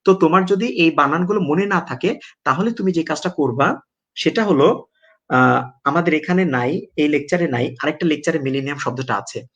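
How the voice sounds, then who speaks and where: Bangladeshi guy teaching english spelling, bit high voice, asks and answers his own questions. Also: fairly bright tone, lo-fi sound. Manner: asks the class questions and answers them himself; spells words out slowly, syllable by syllable. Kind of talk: exam-prep lecture.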